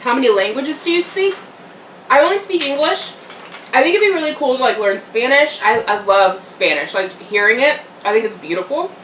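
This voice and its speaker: Eating on camera at home, this young female vlogger rambles through casual chat, dropping fillers and small laughs. She has a high-pitched, expressive, slightly bright voice and keeps a moderate pace. Sound is echoey with a distant mic and faint hiss or hum.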